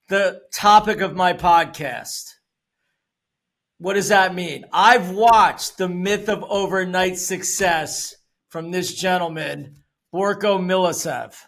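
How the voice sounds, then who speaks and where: A man's voice: high-pitched, a bit bright. An older man hosting a podcast interview, upbeat, loose and conversational. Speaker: podcast host.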